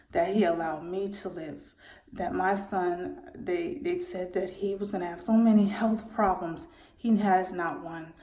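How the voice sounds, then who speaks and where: A woman in her forties earnestly recounting a personal story, often halting and restarting her words. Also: fairly low pitch, warm tone. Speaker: mother telling her birth story. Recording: roomy echo.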